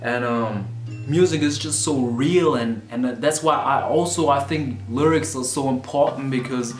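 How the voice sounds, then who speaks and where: In an unhurried, mid-range voice, a male vlogger and musician in his 20s who was born in Vietnam rambles on camera about music. He's casual but self-conscious, swearing occasionally, and the recording sounds roomy with music in the background.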